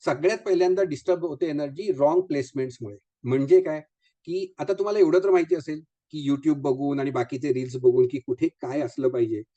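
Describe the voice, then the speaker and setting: A man talks to a live audience as a vastu consultant. He is chatty, slips English phrases in and keeps asking rhetorical questions. His voice sits a little high but sounds very dark and mellow, on a dull, lo-fi recording.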